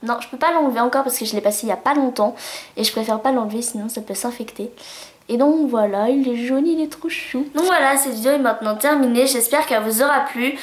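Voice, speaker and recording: A woman's voice: fairly high pitch, fast talker. A woman vlogging her monthly favourites in a chatty, bubbly way, gushing over things with cutesy words. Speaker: beauty vlogger. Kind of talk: casual monthly favourites vlog. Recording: roomy echo.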